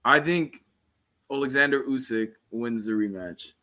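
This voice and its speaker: A man co-hosting a combat sports podcast, answering his louder partner in a calm, level voice. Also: medium pitch, unhurried. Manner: calm, even, called monotone. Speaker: podcast co-host. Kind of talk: sports debate.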